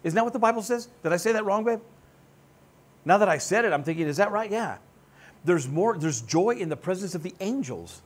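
A man's voice: high-pitched, lively intonation, brisk. An American man preaching a sermon as pastor, conversational and joking, often putting questions to his congregation.

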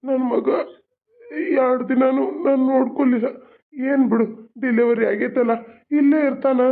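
A man's voice: very high-pitched, creaky. A man voicing a grieving young father with a North Karnataka Kannada accent, choked and sorrowful. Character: grieving young father who lost his son. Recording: tinny phone-like sound.

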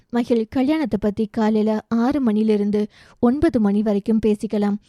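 A woman reading a romance novel aloud, narrating and voicing every character in an expressive storytelling manner. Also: on the high side, no echo, clean studio sound. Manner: expressive storytelling, shifting between narration and dialogue.

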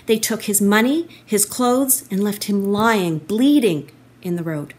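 A middle-aged woman telling a Bible story to children, animated and expressive. She speaks into a laptop webcam in a wood-panelled room at home, voice sitting at an ordinary pitch. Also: measured pace, slightly rough. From Canada. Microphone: laptop webcam, close framing.

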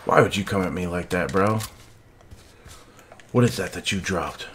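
A man's voice: low-pitched, normal speed, fairly bright tone, a little hiss or hum. A middle-aged man giving casual, slangy live commentary as he streams a video game. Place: indoor streaming room.

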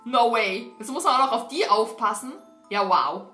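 A woman hosting a gaming video, giving excitable commentary and shrieking and laughing when she is scared. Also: on the high side, moderate pace. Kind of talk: game commentary. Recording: roomy sound with faint game music.

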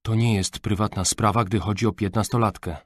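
A man's voice: lowish voice, fairly even intonation, fairly quick, husky, dry recording, studio quality. A man voicing a strict, overprotective father who scolds in a raised voice. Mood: angry.

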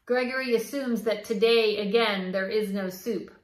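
A woman's voice: mid-range voice, moderate pace, lightly acted. A woman reading aloud and voicing an odd, stern old male jailer who talks about himself by name, in a roomy echo. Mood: solemn. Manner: speaks of himself by name, solemn.

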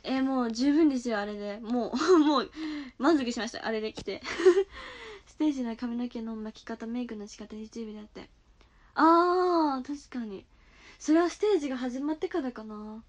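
Bubbly, high-voiced young woman. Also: lively intonation, normal speed, slight background noise. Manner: bubbly, giggly, chatty, reacting to comments. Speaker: idol streamer reading viewer comments. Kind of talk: casual live-stream chat.

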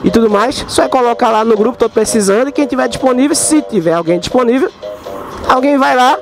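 A high-voiced man with a Pernambuco accent chats casually while riding his motorbike outdoors. His throat sounds sore and inflamed, like swollen tonsils, and music plays behind him. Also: brisk. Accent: Northeastern Brazilian, Pernambuco. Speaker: motorcycle delivery rider and vlogger. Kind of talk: casual motovlog chat. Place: outdoors, riding a motorbike through city streets.

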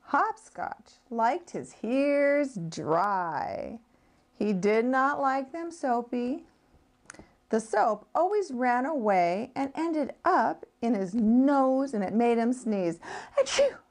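Picture-book reader, woman, slow and melodic, fairly high voice. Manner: expressive, sing-song storytelling. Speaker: speech-language pathologist reading aloud. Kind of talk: children's picture-book read-aloud.

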